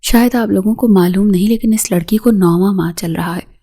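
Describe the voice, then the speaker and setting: A woman's voice: mid-range voice, dark tone, breathy edge. A woman voicing a sarcastic, reproachful female hospital doctor. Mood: blunt.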